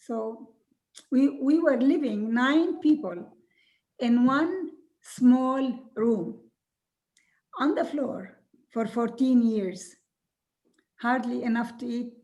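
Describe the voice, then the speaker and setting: An older woman from Jordan, a native Arabic speaker, telling her life story slowly and earnestly, with soft laughs now and then. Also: a little high, lo-fi sound. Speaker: guest speaker. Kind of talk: recorded video conversation.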